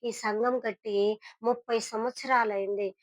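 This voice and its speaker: A woman voicing Jesus in a parable, speaking softly and gently. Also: on the high side, fairly even intonation, unhurried, dry recording, lightly acted. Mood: gentle. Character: gentle, consoling Jesus, male.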